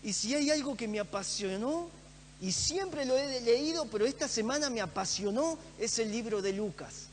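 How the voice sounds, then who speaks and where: A man's voice: extremely high pitch, expressive, normal speed. A man preaching a sermon in a church, earnest and emphatic, repeating phrases for stress. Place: church hall. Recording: echoey church hall with faint hum.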